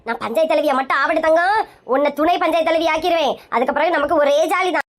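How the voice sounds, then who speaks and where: A woman's voice: high-pitched, fast talker. A woman with a Kanyakumari Tamil accent, acting a bossy, scolding elder sister in a comedy sketch. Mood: chatty.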